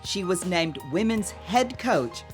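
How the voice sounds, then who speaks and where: Woman, narrator, scripted tribute narration, very low voice, measured, music underneath. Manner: measured, even reading.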